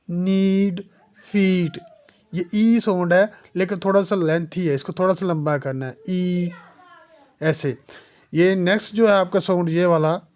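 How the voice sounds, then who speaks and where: A woman's voice: fairly low pitch, darkish tone. A woman teaching English phonetics. She patiently sounds out example words one by one and addresses the learner as dear student. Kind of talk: phonetics lesson.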